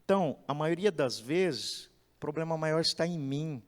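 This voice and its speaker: Animated pastor in a church. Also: male voice, a little high, normal speed. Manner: animated, acts out quotes, asks "entende?". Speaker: pastor giving a talk. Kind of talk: expressive sermon-style lecture. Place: church hall. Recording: echoey church hall.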